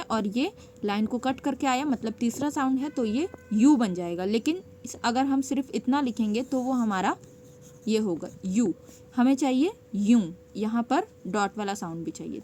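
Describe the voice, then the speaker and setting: A woman teaching a stenography lesson, explaining each step patiently and often pausing to check that it is clear. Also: on the high side, animated, mellow, slight background noise. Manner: patient, checks in with frequent "okay" and "theek hai".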